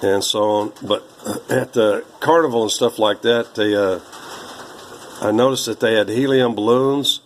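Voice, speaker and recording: A man in his sixties, rambling slowly through old papers, halting with many fillers. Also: on the low side, a little hiss or hum, low-quality recording. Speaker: vlogger.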